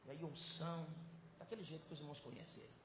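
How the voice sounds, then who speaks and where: A man, a pastor, preaching a sermon at a conference, swinging between loud exclamations and quiet, intimate passages. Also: fairly high pitch, fairly even intonation, rapid-fire, echoey room, noisy background. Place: large conference hall.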